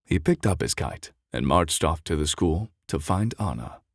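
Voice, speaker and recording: Deep, creaky-voiced man reading a bedtime story. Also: sing-song, moderate pace, dry recording, studio quality. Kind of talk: soft ASMR bedtime story narration.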